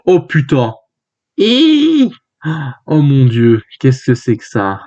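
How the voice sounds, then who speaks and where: A man's voice: medium pitch, huge pitch swings, takes it slowly, a little mellow. A young man giving a rambling, joking commentary while reading a manga aloud. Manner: rambling, jokey, many fillers and restarts. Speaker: youtuber. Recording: dull lo-fi sound.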